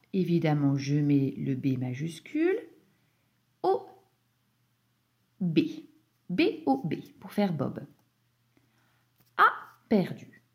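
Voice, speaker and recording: Slow, patient French schoolteacher woman. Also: lowish voice, gravelly, a little mellow. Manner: slow, patient, spells out letters one by one. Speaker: primary school teacher. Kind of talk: dictation correction lesson for young pupils.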